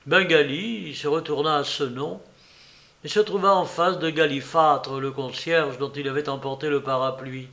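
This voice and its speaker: Man narrating a story with a slightly high voice. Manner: steady, measured storytelling. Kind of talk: audiobook reading of a novel.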